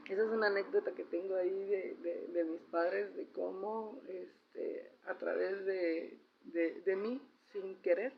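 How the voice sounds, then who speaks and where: A chatty middle-aged woman with a Mexican accent and a lowish voice tells a family story in her casual personal vlog. She frequently closes sentences with a questioning "¿no?", and the recording sounds slightly dull with faint noise.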